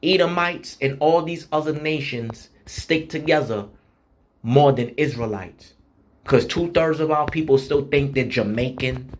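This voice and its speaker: A man preaching an online sermon in a blunt, street-style manner, slowing down to read scripture with emphasis and using rhythmic repetition. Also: on the high side, a little hiss or hum. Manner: slows down and reads scripture with emphasis.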